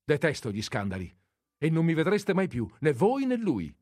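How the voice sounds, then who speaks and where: A male reader doing a sharp-tongued society lady in a storybook reading, high and sing-song, swooping all over with teasing mockery. dry close sound, no room at all. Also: huge pitch swings, moderate pace, dry recording. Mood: stern. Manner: mocking and teasing, raised pitch.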